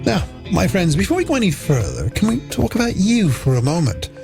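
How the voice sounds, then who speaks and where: A late-night radio presenter, male, talks over background music in a slightly high voice that swoops wildly in pitch and creaks gravelly at the edges. He moves a little fast through playful, chatty banter that sounds like a scripted segue between tracks. His tone is on the dark side.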